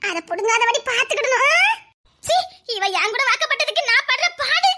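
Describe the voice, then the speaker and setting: A woman with a Tirunelveli Tamil accent acting in a comedy sketch, chattering fast and scheming. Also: very high-pitched, expressive, background noise. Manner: fast, chattering and scheming, often laughing as she talks.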